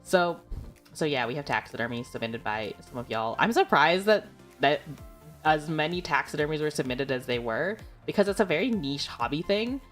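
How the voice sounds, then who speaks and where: A young adult woman VTuber chats casually on a livestream, rambling with lots of fillers and giggles. Her low voice is expressive and moves at a moderate pace, with faint music in the background.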